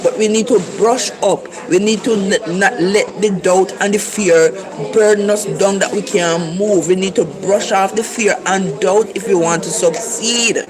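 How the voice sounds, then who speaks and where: A crowd can be heard behind this low-quality recording of a Jamaican livestream preacher, whose medium-pitched voice stays fairly even, unhurried and nearly pause-free. Earnestly and casually, the preacher encourages viewers, returning to key phrases again and again.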